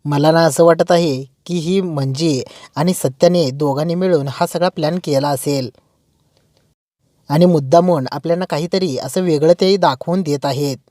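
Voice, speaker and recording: A woman's voice: sits low, moderate pace, warm tone, no room sound, studio quality, lightly acted. A woman voicing a suspicious middle-aged aunt who taunts and accuses. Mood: accusing.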